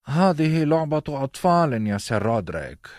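A man's voice: on the high side, lively intonation, fairly quick, a little mellow, dry recording, pitched above the performer's own voice. A haughty young prince, voiced by a man, sneers at everyone with a thin, raised voice. The reading sounds dry and close to the mic, a storybook scene. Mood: sneering. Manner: mocking, bored, scornful. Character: arrogant, sneering teenage prince.

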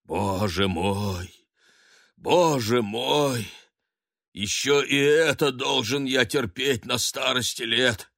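A man's voice: a little high, creaky, bright, forceful tone, dry recording, clean studio sound, voice pushed up, heavily acted. A man voicing an aging father of the house who wails a theatrical, self-pitying lament.

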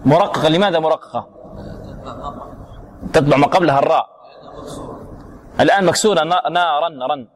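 A man with a slightly raised pitch leads a recitation lesson. He stretches single letters and syllables, then questions his students on each rule. His delivery is patient and drilling. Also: a little fast, pauses often. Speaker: Quran recitation teacher.

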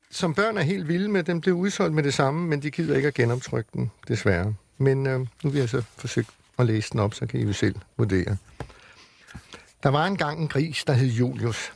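A man on the radio, reading a children's book aloud with lively storytelling in a studio. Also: medium pitch, creaky, slightly rough. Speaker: radio reader.

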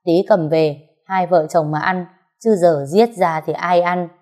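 A sharp-tongued old grandmother from the north of Vietnam, grumbling and scolding in a voice that leaps upward when she is annoyed, as a woman narrator puts her on. Her tone stays mellow and a little low underneath the nagging. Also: steady tone, unhurried, close to an everyday voice.

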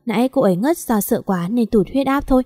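A woman voicing a brisk male hospital doctor who gives matter-of-fact reassurance to a relative in a story reading. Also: fairly high pitch, expressive, warm tone, husky, no echo, clean studio sound. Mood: reassuring.

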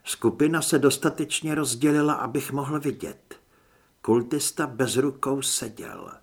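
A man's voice: mid-range voice, creaky, husky. A man narrating an audiobook in a dramatic first-person reading. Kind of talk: scripted narration.

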